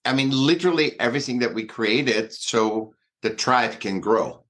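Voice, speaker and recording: A man in his sixties from Austria with an Austrian accent, a guest artist talking in a halting way, full of fillers and restarts. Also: medium pitch, a bit bright. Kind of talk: conversational interview.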